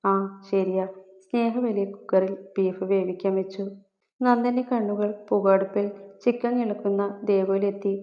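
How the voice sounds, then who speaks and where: A woman reads a love story aloud in a steady, level voice with little rise and fall. The sound is roomy and muffled. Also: mid-range voice, normal speed. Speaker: narrator.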